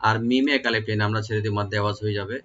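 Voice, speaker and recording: A man teaching the rules of Quran recitation, explaining each sound slowly and then chanting the verse in a long, melodic style. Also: lowish voice, fairly even intonation, a bit bright, muffled recording. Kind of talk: tajweed lesson with recitation.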